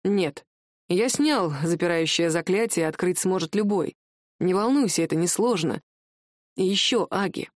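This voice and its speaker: A woman reading an audiobook voices a restrained, tender male wizard husband, speaking low and calmly. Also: moderate pace, no room sound, studio quality, natural voice. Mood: gentle. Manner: calm, low, quietly sorrowful.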